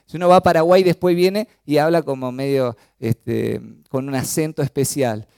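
A man from Chaco with an Argentine accent preaching a sermon, swinging between emphatic raised peaks and low, quiet lines. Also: moderate pace, creaky, clean tone, dry recording, clean studio sound. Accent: Argentine Spanish. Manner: animated preaching, rising to emphatic peaks then dropping low.

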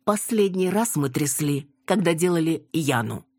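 Woman reading a tart older mother, nervous and sardonic, husky voice, lively pitch. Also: unhurried, no echo, clean studio sound.

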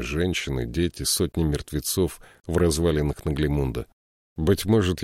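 A man reading the lines of a weary, haunted prince in a slow, grave way. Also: a bass voice, dry recording, clean studio sound. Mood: brooding.

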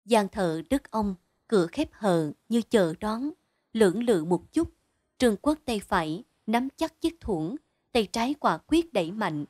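A woman narrates a short story in a steady, measured way. Her voice sits at an ordinary middle pitch. The recording is dry and close, with no room sound around it. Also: no room sound. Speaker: audiobook narrator.

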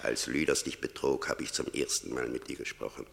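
An actor playing Death in a German radio play, a stern, merciless grim reaper scolding and commanding. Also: male voice, fairly even intonation, a little fast, a bit bright, exaggerated voice. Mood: stern, accusing. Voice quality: gravelly, very deep. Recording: long cavernous reverb.

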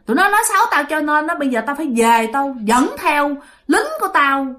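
A woman's voice: big pitch swings, fairly quick, fairly bright tone. A woman voicing a defiant, taunting old woman ghost in a spoken ghost story. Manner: shrill, mocking, bossy.

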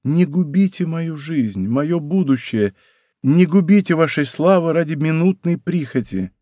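Guy reading as a weak young woman begging softly, hushed and dry, studio audiobook. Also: fairly high pitch, lively intonation, measured pace, no echo, pitched above the performer's own voice. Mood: pleading. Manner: soft, hushed, pleading. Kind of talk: audiobook character voice. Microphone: close studio mic.

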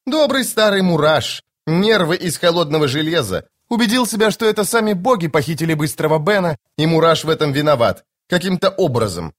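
A man voicing a sharp-tongued, tough female corporal in an audiobook, scolding and sarcastic. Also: fairly high pitch, sing-song, brisk, few pauses, voice pushed up. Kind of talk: audiobook character voice.

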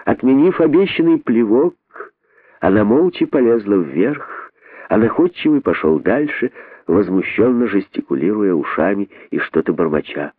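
A man narrating an audiobook in a lively storytelling manner. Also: lowish voice, normal speed, slightly rough, no room sound. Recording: narrow phone-like band, dry.

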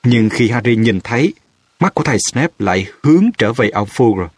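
A male audiobook narrator with a husky voice and a steady, even storytelling manner. The recording is dry and close. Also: medium pitch, moderate pace, dry recording. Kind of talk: scripted narration.

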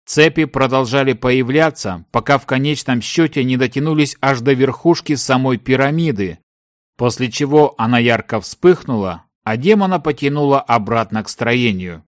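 A man narrating a fantasy story in a dramatic, expressive reading. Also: mid-range voice, moderate pace, dry recording, studio quality. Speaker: audiobook narrator.

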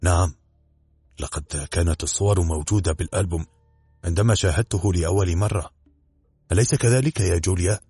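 A man's voice: deep voice, a little fast, long pauses, mellow, slightly rough, no echo, soft background music. A man voicing a nearsighted, forgetful aunt who is polite and a little flustered, in a storybook reading. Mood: puzzled.

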